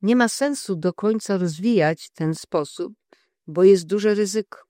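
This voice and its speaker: Deliberate preacher, unhurried Bible teaching, dry close-miked sound. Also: medium pitch, mellow, dry recording. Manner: slow, deliberate, measured delivery. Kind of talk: Bible teaching with scripture readings.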